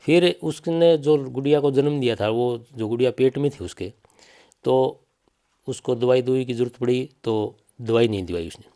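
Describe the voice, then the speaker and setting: In a warm, medium-pitched voice at a moderate pace, a bereaved middle-aged father with a Haryanvi accent is interviewed. He tells his story insistently, with repeated lines and reported speech.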